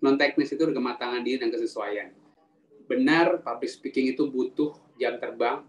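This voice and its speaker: A man giving a casual, animated public speaking talk in a live webinar, asking the audience questions and reading their chat comments aloud. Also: medium pitch, normal speed. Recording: roomy sound, mic at a distance, faint ambience.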